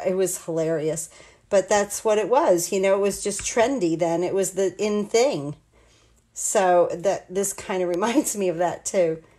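A woman's voice: mid-range voice, darkish tone. Woman, 60s, from the US, live craft demo, chatty, rambling, step-by-step. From United States. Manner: chatty, rambling, talks through each step. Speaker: craft demonstrator. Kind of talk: live card-making demo. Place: home craft table, indoors.

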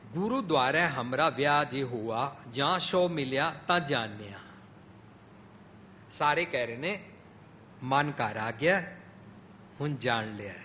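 A man preaching a sermon in a gurdwara, mixing English phrases into his talk, swinging between emphatic peaks and soft drops. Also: mid-range voice, animated, slow pace, long pauses, slight background noise. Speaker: Sikh preacher. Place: gurdwara hall.

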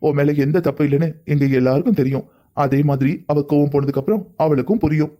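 A man voicing a kind older father-in-law who talks gently and reassuringly in a cartoon family drama. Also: a little high, fast, natural voice. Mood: soothing. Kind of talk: cartoon voice acting.

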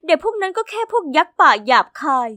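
A woman voicing a gentle, loving mother who speaks softly to comfort her daughter in an animated story. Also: extremely high pitch, fast, no echo, clean studio sound, voice pushed up, heavily acted. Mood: tender. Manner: soft and reassuring.

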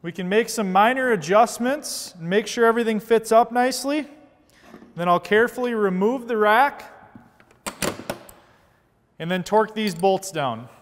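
A man's voice: high-pitched, normal speed, long pauses, long reverb tail, slight background noise. A man in his thirties giving scripted, methodical step-by-step installation instructions in a workshop studio. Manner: steady, methodical step-by-step explaining. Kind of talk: scripted how-to narration. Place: large indoor workshop studio.

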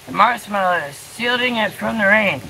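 A woman's voice: mid-range voice, animated, moderate pace, gravelly, bright, forceful tone, a little hiss or hum. A middle-aged woman chatting casually in a camping vlog, laughing between remarks, filmed outdoors in a backyard by a tent. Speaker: camping vlogger. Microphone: camera on a stand at a distance, later phone at arm's length.

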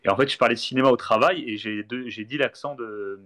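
A man's voice: mid-range voice, quick pace, fairly bright tone. A man joins a live talk show over a video call to tell travel stories. He rambles and restarts often and acts out the exchanges he recalls. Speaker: guest traveler. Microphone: remote video call.

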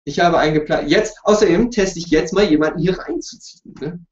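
A man's voice: high voice, brisk. A man chatting casually on a livestream, answering viewers' questions in a jokey, apologetic way. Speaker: YouTuber hosting a livestream. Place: room at home, sitting in front of a couch. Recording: roomy, distant, dull webcam stream audio.

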